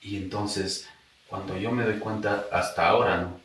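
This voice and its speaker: A man from Ecuador with an Ecuadorian highland Spanish accent, a podcast guest telling his life story in a casual, animated way and acting out remembered dialogue. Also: normal speed. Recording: echoey room, distant mic.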